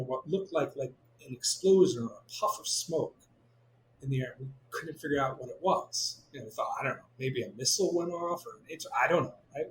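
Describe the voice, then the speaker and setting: A man's voice: medium pitch, slight background noise, rough recording. A middle-aged man from Israel, a glider pilot, telling stories in a casual interview, full of fillers and restarts. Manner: animated, many fillers and restarts.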